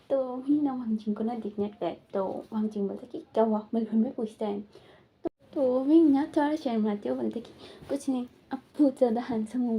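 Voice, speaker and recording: A woman's voice: on the high side, gravelly, warm tone, slight background noise. A woman casually retelling a romantic fan fiction, rambling along with many repeated fillers. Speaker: storyteller.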